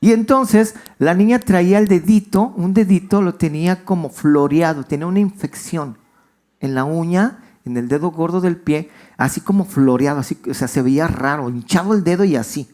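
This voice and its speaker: A man's voice: normal speed, a little mellow. A male pastor, giving a conversational sermon and asking his congregation questions. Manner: conversational storytelling, asks the congregation questions, pitch swings widely. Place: church.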